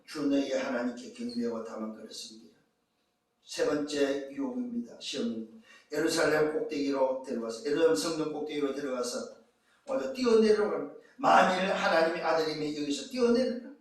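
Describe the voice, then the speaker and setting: A male pastor preaches emphatically in a church sanctuary, his fairly quick voice on the high side, peppering the congregation with rhetorical questions. The recording comes from far off in an echoey church hall.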